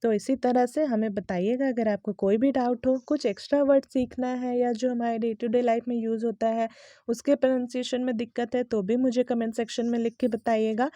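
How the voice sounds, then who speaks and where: A young woman teaching English pronunciation in a relaxed lesson. Her voice is higher than most and warm rather than bright. She switches between Hindi and English and repeats each word slowly several times. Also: dry recording. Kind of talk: casual spoken lesson.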